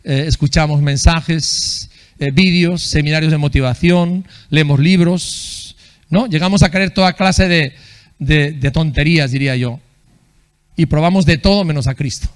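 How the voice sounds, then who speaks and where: Male pastor, fairly high voice, conversational sermon delivery, keeps checking in with the congregation. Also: unhurried, clear, resonant tone. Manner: conversational, asks the congregation "¿verdad?" often; acts out quoted people in a raised voice. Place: church.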